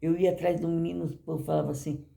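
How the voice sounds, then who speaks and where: A woman's voice: low voice, level tone, fast talker, gravelly, dark tone. An older woman giving a personal testimony in church, talking conversationally to the congregation and often asking "you know?".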